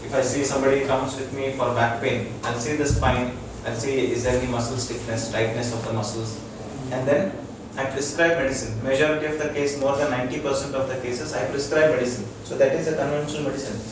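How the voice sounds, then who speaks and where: A man with an Indian accent gives an informal educational talk as a doctor, explaining in a halting way to a group. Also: medium pitch, level tone. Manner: halting, explanatory, checks listeners follow. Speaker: doctor giving a wellness lecture. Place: echoey room with a small audience. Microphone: distant from the speaker. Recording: very echoey room, distant mic, loud noise.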